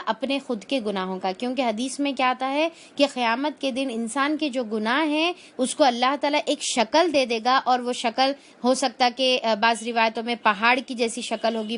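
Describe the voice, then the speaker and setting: A woman leads a religious lesson in a voice that sits a little high. She explains each point patiently, circling back with filler phrases and simple everyday examples. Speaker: Quran teacher.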